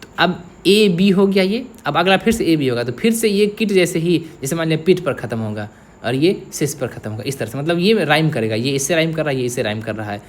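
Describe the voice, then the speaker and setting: A man's voice: on the high side, lively intonation, a little fast. A young man, teaching an exam-prep literature lecture and checking in often with his students. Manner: explains step by step, checks in with "theek hai".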